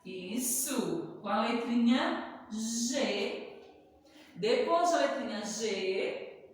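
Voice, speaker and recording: Slow, patient woman teacher, echoey. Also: fairly high pitch, lively intonation. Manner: slow, patient, spells out syllables letter by letter; calls herself "tia", coaxing and praising. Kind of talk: recorded early literacy lesson for young children. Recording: echoey room, distant from the mic, long reverb.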